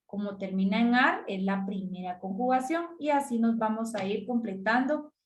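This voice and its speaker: A woman's voice: a little high, normal speed, lo-fi sound. Patient woman teacher, echoey room. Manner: patient, step-by-step, asks and answers own questions. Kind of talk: explaining worksheet exercises to pupils.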